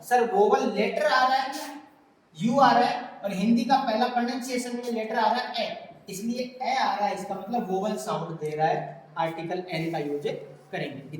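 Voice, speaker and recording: A man's voice: sits high, slight background noise. Male teacher explaining in a very echoey room. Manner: explains step by step, voicing students' questions and answering them. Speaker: English teacher. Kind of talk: classroom grammar lesson. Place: room, writing on a board. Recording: very echoey room with long reverb.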